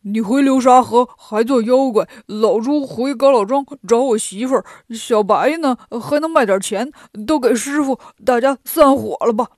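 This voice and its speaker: Woman putting on a loud whiny pig-man. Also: a little high, moderate pace, hardly any pauses, no room sound, studio quality, natural voice. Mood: complaining. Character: bumbling greedy pig-man pilgrim, male.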